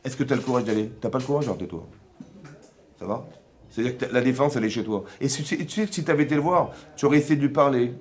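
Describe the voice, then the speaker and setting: Rabbi, male, middle pitch, rapid and animated, conversational lesson style. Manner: animated, acts out imagined dialogues with the listeners; conversational, asks listeners for assent. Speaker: rabbi teaching a women's class. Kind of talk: lively Torah lesson.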